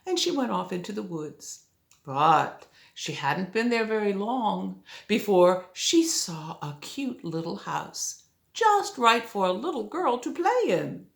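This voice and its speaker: An older woman with a sweet old lady manner tells a children's story as a grandmother, gently coaxing the listener with little questions. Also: mid-range voice, big pitch swings, slow pace, creaky. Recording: roomy, echoey home recording.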